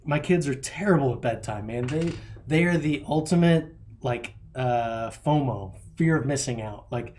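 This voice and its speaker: A man in his thirties, a podcast host telling rambling, animated stories about his kids and laughing at them. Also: medium pitch, moderate pace, slight background noise. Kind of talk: casual chat.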